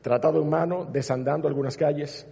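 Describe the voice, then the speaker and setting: A man's voice: on the high side, fairly even intonation, brisk, creaky, dark tone, slightly rough. A man preaching a sermon as pastor, building emphasis through repetition. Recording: long hall reverb.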